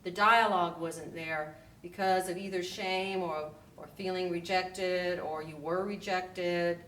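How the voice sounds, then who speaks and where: Woman in her 50s talking to her kid, low voice, echoey room, faint hiss. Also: steady tone, a little slow, a bit bright. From Washington State. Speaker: interviewee, parent. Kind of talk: candid family interview. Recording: roomy, distant mic with faint hiss.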